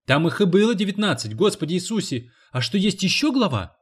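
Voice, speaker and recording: A man putting on a shrill indignant cleaning woman. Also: sing-song, fairly quick, husky, heavily acted. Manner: shrill, exclaiming, scolding.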